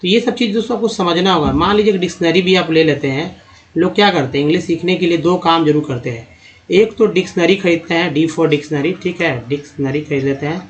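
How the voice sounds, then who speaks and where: Talking fast in a slightly high voice, a man gives a phonics lesson on reading English. He spells letters, sounds out words, and addresses viewers as friends, all on a dull, lo-fi recording.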